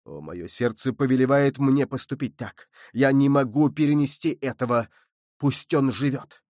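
A man voicing a noble, merciful count who speaks in a low, soft and solemn way. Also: moderate pace, no room sound, studio quality, natural voice. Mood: pleading. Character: noble older male count, grave and merciful.

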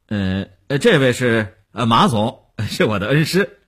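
A man voicing an eager, fawning young man who flatters important guests with many hesitations. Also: medium pitch, a little slow, breathy edge, exaggerated voice.

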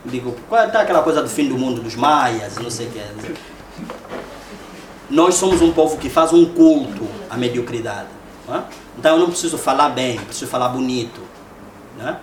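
A man with an Angolan Portuguese accent delivers a public lecture conversationally, often closing his points with rhetorical tag questions. His mid-range voice is expressive and a little fast, captured by a distant mic in an echoey, noisy room.

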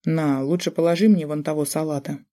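Grumpy blunt old dad, slow and curt, narrator doing him, mellow voice. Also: mid-range voice, steady tone, lightly acted. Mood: gruff. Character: gruff blunt older father.

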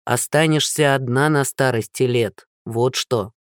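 A narrator voicing a blunt, unflappable small-town army captain who speaks plainly. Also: male voice, mid-range voice, a little slow, smooth, no room sound, studio quality, voice pushed down, lightly acted. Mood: lecturing.

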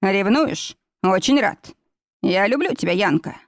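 This is a calm, self-assured young man who keeps pressing his suit, read by a woman narrator. The voice stays level and mid-pitched, close to the mic in a dry storybook recording. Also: unhurried, no echo. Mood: insistent. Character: confident young man, persistent suitor.

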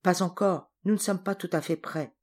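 A woman's voice: on the low side, fairly even intonation, normal speed, a little mellow, slightly rough, pitched above the performer's own voice. Woman reading as a commanding hunter chief. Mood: hushed, firm. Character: hunter leader, commanding, ironic man.

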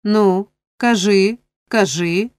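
Woman playing a scornful, shrill workhouse matron. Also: normal speed, a little mellow, no room sound, lightly acted. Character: sharp-tongued scornful middle-aged workhouse matron. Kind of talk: audiobook character reading.

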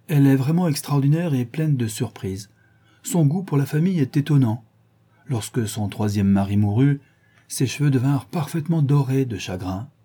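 A man voicing a witty, cynical aristocratic gentleman who trades languid paradoxical quips. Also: mid-range voice, husky, voice pushed up, lightly acted.

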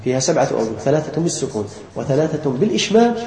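Mellow-voiced sheikh teaching in echoey room. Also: male voice, medium pitch, very animated. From Algeria. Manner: explains slowly, chants example words, quizzes students. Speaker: sheikh teaching Quran recitation. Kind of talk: classroom lesson with students.

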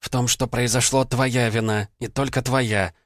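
A man reading an audiobook, voicing an angry young woman who snaps out sharp, commanding lines in a raised voice. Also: medium pitch, fairly even intonation, moderate pace, no room sound, clean studio sound, pitched above the performer's own voice, lightly acted. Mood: bitter. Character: young woman, furious and defiant.

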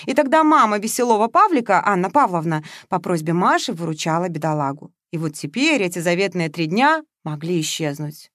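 A woman reading a novel aloud as narrator, in an even storytelling manner. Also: on the low side, a little fast, few pauses, no echo, clean studio sound. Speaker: audiobook narrator. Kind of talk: scripted narration.

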